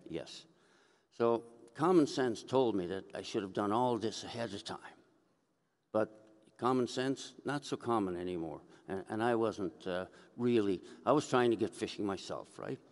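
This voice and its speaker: An older male priest with a lowish voice speaks at a normal pace, delivering a conversational sermon full of stories and gesturing as he talks. He uses a gooseneck lectern microphone in an indoor church sanctuary, and the recording carries the reverb of the church hall.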